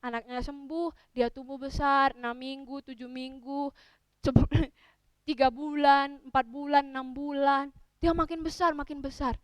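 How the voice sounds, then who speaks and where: A woman telling a children's sermon story, animated and acting out the characters' cries. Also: high-pitched, measured pace, no room sound. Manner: animated, acts out characters' voices, cries out in parts. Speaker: Sunday school teacher.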